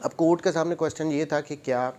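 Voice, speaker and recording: Speaking quickly in a fairly high, darkish voice with fairly even intonation, this Pakistani-accented advocate lectures on statute law. He reads passages aloud, then explains them repetitively in both Urdu and English, rephrasing as he goes.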